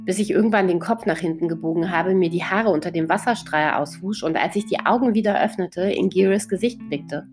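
A woman's voice: on the low side, a little fast, hardly any pauses, darkish tone, faint music behind, natural voice. A woman voicing an emotional young friend who has just got engaged, telling her story in a bubbly, breathless way. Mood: giddy. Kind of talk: audiobook character voice.

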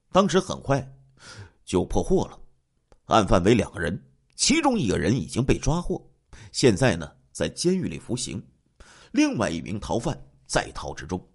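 A man's voice: lowish voice, gravelly. A man narrating a true crime case in a dramatic, exclamatory storytelling manner with colloquial asides.

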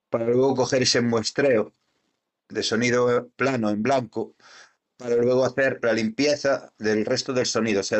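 A man co-hosting a podcast in casual chat, rambling with lots of fillers and restarts. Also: medium pitch. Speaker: podcast co-host. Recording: dull lo-fi podcast audio.

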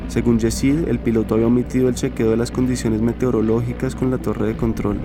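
A man narrating a documentary podcast in a measured, even storytelling manner. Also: mid-range voice, background noise.

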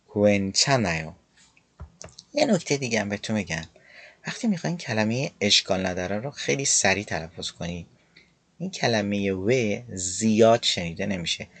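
A man teaching an online language lesson, explaining and slowly demonstrating pronunciation step by step. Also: on the low side, fairly bright tone, husky. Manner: slow, careful pronunciation demonstrations.

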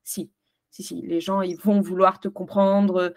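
A woman's voice: on the low side, little pitch movement, measured pace, a little mellow, no room sound. A woman from France, a podcast guest, giving travel advice in a chatty way, full of hesitations and restarts. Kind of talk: casual interview chat.

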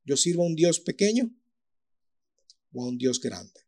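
Man, preacher, animated storytelling, warm tone. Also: on the high side, unhurried, slightly rough. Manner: lively storytelling with acted-out voices and sound effects. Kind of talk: sermon.

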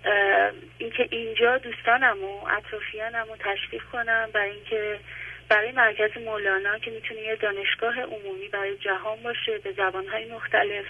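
A woman's voice: medium pitch, slight background noise. A woman calling in to a radio program from her home, speaking earnestly and gratefully with hesitant fillers over a phone line. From Iran. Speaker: caller. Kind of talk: phone-in call.

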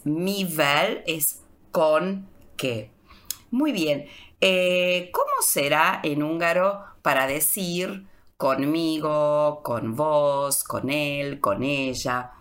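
A woman's voice: low voice, fairly bright tone. A woman giving a radio language lesson. She patiently repeats each example word several times. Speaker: Hungarian language teacher.

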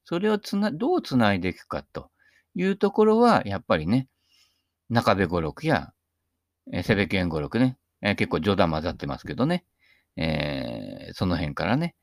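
A man's voice: moderate pace, gravelly, no echo, clean studio sound. A middle-aged man talking through a casual, rambling monologue, with lots of fillers and tag particles. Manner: lively swings in pitch, sometimes dropping to a soft mutter. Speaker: host talking about golf.

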